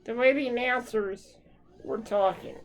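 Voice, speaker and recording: Angry woman fan, profane rant to camera, slow-paced, a bit high-pitched. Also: low-quality recording. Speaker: hockey fan.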